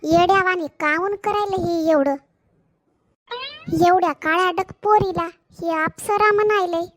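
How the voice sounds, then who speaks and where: A woman with a very high, slightly bright voice and fairly even intonation plays a cheeky, gossipy schoolboy in a cartoon. Her delivery is teasing and nosy, full of fast banter.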